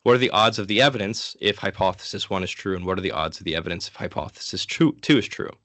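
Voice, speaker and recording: A man giving an informal, interactive lecture in a casual, conversational way, sick and low on energy. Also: fast, fairly bright tone, no room sound. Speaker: guest lecturer from an online ministry.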